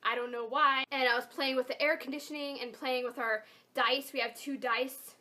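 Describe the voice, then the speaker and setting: Young woman chatting in a high, bright voice. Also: steady tone, moderate pace. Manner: chatty, informal, emphatic with frequent "like" and "totally". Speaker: vlogger. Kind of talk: casual personal storytelling to camera.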